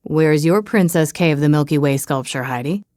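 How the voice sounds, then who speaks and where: A woman voicing a friendly, playful young man in an audiobook, with a lowered voice. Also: moderate pace, darkish tone, no echo, studio quality, natural voice.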